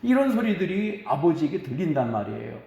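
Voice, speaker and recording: A pastor preaches with earnest, storytelling drive, slowing and pausing for weight. His voice sits high for a man, and the sound rings with the echo of a large room. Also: very animated, gravelly, dark tone. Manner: earnest storytelling, dramatic pauses. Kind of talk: sermon.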